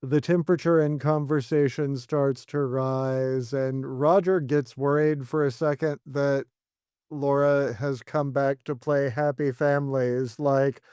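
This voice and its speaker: A man's voice: medium pitch, measured pace, clean tone, no room sound, clean studio sound. A man co-hosting a podcast, casually recapping episodes and acting out the characters' lines. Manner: relaxed storytelling, acts out characters' lines. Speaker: podcast co-host.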